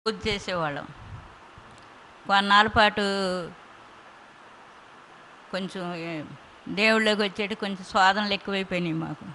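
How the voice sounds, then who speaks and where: A woman's voice: medium pitch, fairly quick, sharp tone, a little hiss or hum, rough recording. A woman giving a plain, heartfelt spoken testimony. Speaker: testimony speaker.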